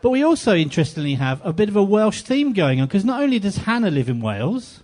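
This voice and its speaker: A man's voice: sits high, quick pace. A man hosting a live on-stage interview in a cafe, chatty and joking with his guests. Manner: jokey, chatty and animated. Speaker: interviewer and event host. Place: cafe venue with a live audience.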